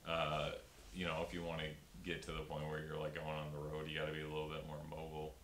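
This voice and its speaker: Speaking quickly in a monotone, this very deep-voiced young man sounds a bit bright. He's a stand-up comedian giving a casual, filler-heavy interview with lots of restarts. A fixed camera frames his upper body in a small room with a pink backdrop, and the recording is roomy with faint hiss.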